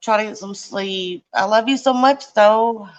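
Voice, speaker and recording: A woman's voice: mid-range voice, measured pace, highs cut off. A woman joining a livestream as the host's spouse, friendly and affectionate. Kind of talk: casual livestream chat.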